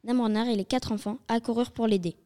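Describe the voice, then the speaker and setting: A woman's voice: a little high, steady tone, fast, dark tone. A woman reading a storybook aloud with a partner, stumbling now and then on words. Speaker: reader.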